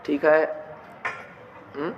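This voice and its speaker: A man giving a religious teaching talk, repeating his points and asking rhetorical questions. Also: slow pace. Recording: dull, echoey hall with faint noise.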